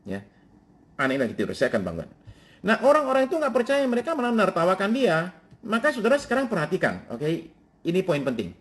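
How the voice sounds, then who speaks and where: A male pastor delivers a sermon in a somewhat high, very lively voice. He reads scripture formally, then drops into casual slang asides and asks the listeners pointed questions. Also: quick pace. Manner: animated preaching, switches between formal scripture reading and casual Jakarta slang.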